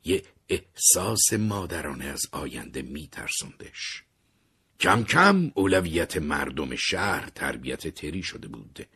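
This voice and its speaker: A young man narrating a scripted story in a measured way, sometimes sinking to an unvoiced whisper. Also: low-pitched, sharp tone, breathy edge. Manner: measured, dropping to unvoiced whispers in tense moments.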